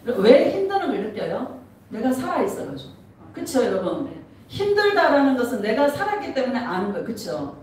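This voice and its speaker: A middle-aged woman pastor preaching an animated sermon, laughing often and asking the congregation questions. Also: on the high side, normal speed, a little hiss or hum. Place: church sanctuary. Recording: echoey church from a distance.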